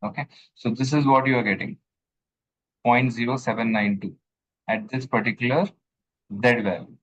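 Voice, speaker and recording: A man's voice: medium pitch, steady tone, moderate pace, a bit bright, highs cut off. A male instructor explaining statistics step by step in a screen-share lesson recording, often checking that his student follows.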